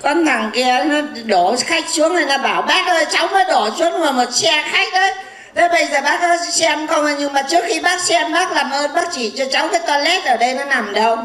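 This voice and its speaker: A man's voice: very high voice, fairly quick, bright, forceful tone, roomy sound. A man playing a boastful, cheeky blind fortune teller in a comic stage sketch, with a rambling, mocking way of talking. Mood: chatty. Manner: rambling, mocking, gossipy banter.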